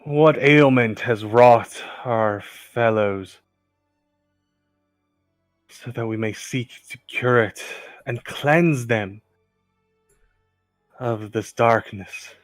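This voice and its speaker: A man voicing a solemn elf leader who calls on the forest in a magically amplified, booming voice, slow and ceremonial. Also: no room sound, faint music behind. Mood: solemn beseeching. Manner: slow, loud, ceremonial invocation. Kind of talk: game master voicing a character.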